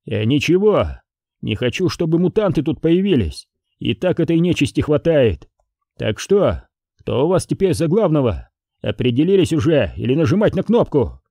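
Guy doing a tough army officer, measured, talks firm, dry close sound. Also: a little high, sing-song, dark tone, no echo, voice pushed up. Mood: commanding. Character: stern male army officer negotiating threats.

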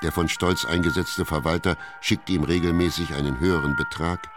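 A man narrating a radio drama in a calm, even scripted style. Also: rumbling low, normal speed, over music.

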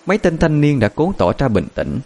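A man narrating a horror story in a dramatic, expressive way. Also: on the high side, fairly quick, gravelly.

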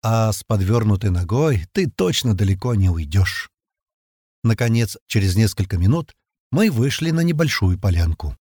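Man narrating an audiobook, lively pitch. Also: moderate pace, dry recording, clean studio sound. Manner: casual first-person, with slang.

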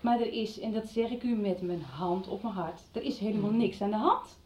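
In a 1990s radio drama, an actress plays an earnest, indignant schoolteacher defending herself, pressing her questions directly and insistently. Her voice is medium-pitched, darkish, moderately paced, and close to everyday speech, with slight background noise in a slightly dull recording.

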